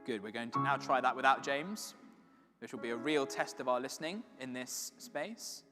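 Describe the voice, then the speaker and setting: A man running a choir rehearsal, calling out bars and cues in a brisk, encouraging way. His voice rings with a long echo in a large hall, and a faint piano is heard between his directions. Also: medium pitch. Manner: brisk, encouraging, sings phrases to demonstrate. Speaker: choir conductor. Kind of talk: rehearsal instruction. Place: large reverberant rehearsal space. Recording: distant voice in a reverberant hall, piano.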